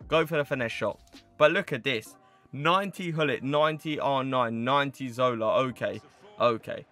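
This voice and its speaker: Bright-voiced young man doing casual gameplay commentary. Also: mid-range voice. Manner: chatty, slangy, repeats stock phrases. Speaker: gaming video host.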